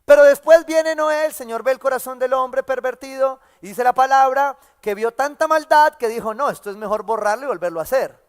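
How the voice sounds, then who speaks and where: A man with a Colombian accent preaching a sermon as pastor, who asks "¿sí?" after nearly every phrase and slows down to stress key words. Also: very high voice, clear, resonant tone. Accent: Colombian Spanish. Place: church hall. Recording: church hall reverb.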